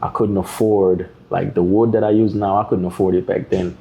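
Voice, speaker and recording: Deep and creaky, this Jamaican-accented man talks at normal speed over a rough recording with slight background noise. As a podcast guest artist, he tells animated stories and acts out others' voices.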